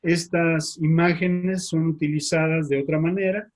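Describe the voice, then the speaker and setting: A man, a priest with a Mexican Spanish accent, giving a slide lecture, speaking haltingly with frequent fillers and tag questions. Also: fairly high pitch, steady tone. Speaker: priest teaching.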